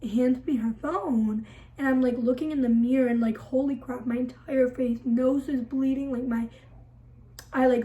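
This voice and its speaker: A woman's voice: fairly high pitch, warm tone, rough recording. A woman vlogger telling a storytime in a dramatic, breathless way, filling it with "like". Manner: breathless, dramatic retelling packed with "like". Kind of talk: storytime vlog.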